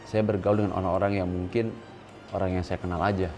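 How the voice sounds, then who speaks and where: Earnest low-voiced man in his thirties. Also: little pitch movement, brisk, a little mellow, faint music behind. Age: 30s. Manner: earnest, mixes English words, stressed rises when quoting others. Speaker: interview guest. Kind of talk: candid interview talk.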